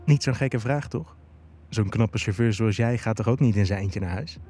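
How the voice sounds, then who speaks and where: A man's voice: on the low side, moderate pace, slightly rough, soft background music. A man voicing a teasing young woman. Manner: teasing, soft-spoken.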